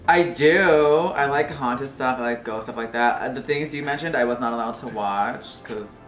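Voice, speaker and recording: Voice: medium pitch, moderate pace, a bit bright, reverberant, soft background music. A sassy drag queen co-host trading playful, cheeky banter in a casual reaction chat. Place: indoor studio with plain lit backdrop.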